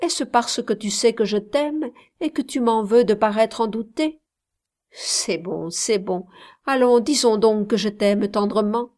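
Brief: slow, brooding elderly grandfather, read by a woman, storybook. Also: fairly high pitch, a little mellow, close to an everyday voice. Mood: tender. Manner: pensive, murmuring. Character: brooding, doting old grandfather.

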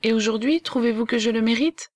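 A woman's voice: fairly high pitch, brisk, natural voice. A woman reading the part of a sulky, spoiled young girl in an audiobook, with a whiny, petulant way of talking.

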